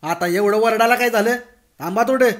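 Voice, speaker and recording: Storybook part: deaf teenage village girl, coarse voice, snaps and scolds, high and loud, as a male narrator puts her on. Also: moderate pace. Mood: snappish. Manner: snapping, scolding.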